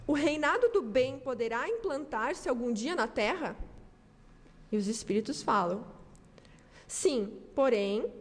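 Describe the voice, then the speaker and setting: A woman giving an earnest, measured doctrinal talk at a spiritist centre, reading quoted passages. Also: sits high, a little hiss or hum. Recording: long hall reverb.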